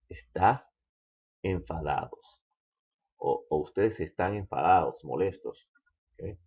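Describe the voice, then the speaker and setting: A man teaching English grammar, slow and patient, checking in with the listener again and again. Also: low-pitched, a little mellow, slightly rough, dull audio. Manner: slow, patient, repeats "¿ok?" often. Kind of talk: explaining grammar.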